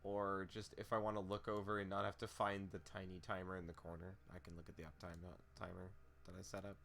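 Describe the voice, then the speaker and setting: A man's voice: deep voice, level tone, fast, creaky, a bit bright, a little hiss or hum. A man hosting a live tabletop game stream, chatting casually and joking at his own expense. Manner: self-mocking, joking. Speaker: stream host. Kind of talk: casual chat among tabletop players.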